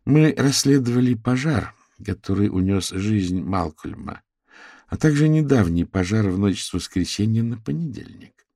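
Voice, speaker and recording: A man voicing a retired woman amateur detective who speaks in a measured, patient way in an audiobook. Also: fairly low pitch, animated, dark tone, dry recording, studio quality, pitched above the performer's own voice.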